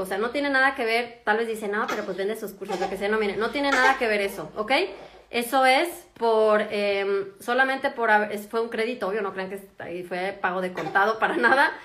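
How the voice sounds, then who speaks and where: Mexican woman, doctor, casual home vlog, chatty, lots of fillers, highish voice, faint background noise. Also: fairly bright tone. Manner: chatty, laughs often, many fillers. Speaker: doctor and vlogger. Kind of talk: casual chat to viewers. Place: her home in Germany. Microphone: phone camera.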